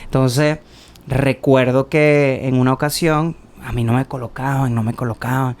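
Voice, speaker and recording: This young man's voice is mid-range and his pace moderate as he chats casually on the podcast he co-hosts. A church musician, he gives a personal testimony through animated storytelling, performing the quoted lines in different voices.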